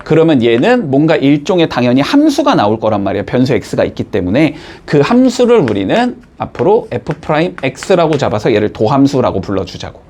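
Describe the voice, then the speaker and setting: A man teaching a math class, explaining step by step and checking in with his students with quick rising tags. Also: mid-range voice, very animated, a little mellow. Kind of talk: classroom lecture.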